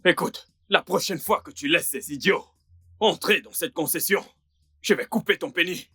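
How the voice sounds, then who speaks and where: A man's voice: a little high, moderate pace, pushed and bright, breathy edge, heavily acted. A man playing a furious bully in a dubbed film drama, aggressively barking orders and threats at household staff. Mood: furious, threatening.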